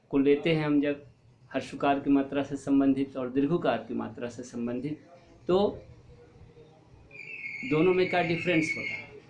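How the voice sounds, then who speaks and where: A male teacher explaining a Hindi spelling lesson to young pupils, asking questions and answering them himself, and drawing out words slowly to show how they sound. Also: on the high side, a little mellow, slight background noise. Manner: explains patiently, asks and answers his own questions; stretches and stresses words to show pronunciation. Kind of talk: online class lesson.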